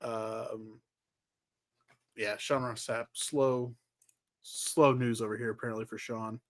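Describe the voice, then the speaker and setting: A man's voice: medium pitch, little pitch movement, takes it slowly, no echo, clean studio sound. A man co-hosting a wrestling news podcast in a casual, wry, offhand conversational way.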